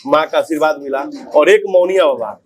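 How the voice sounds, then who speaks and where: A man's voice: on the high side, a little fast, noisy background. A man from Bihar, a politician talking in an earnest, speechlike way and repeating his key phrases in a casual interview. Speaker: politician on a walking campaign.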